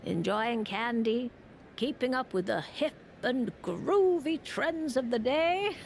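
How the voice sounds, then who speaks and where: A woman playing a genteel, kindly elder lady in a video game, speaking formally and gently. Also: a little high, expressive, slow pace, creaky, a little hiss or hum, heavily acted. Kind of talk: video game character acting.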